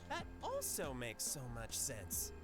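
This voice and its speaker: A goofy young gamer who throws out puns with wildly swinging, theatrical pitch. Game music sits underneath him. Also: male voice, huge pitch swings, takes it slowly. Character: wisecracking young man gamer.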